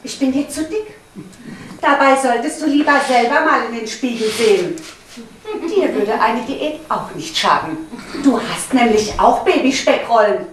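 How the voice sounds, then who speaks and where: A stage actor playing a sharp-tongued, domineering wife who scolds her husband, in a live stage comedy. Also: on the high side, animated, measured pace, recorded from a distance. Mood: scolding. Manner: scolding, snapping orders. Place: theater stage. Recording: roomy stage miked from afar, audible hiss.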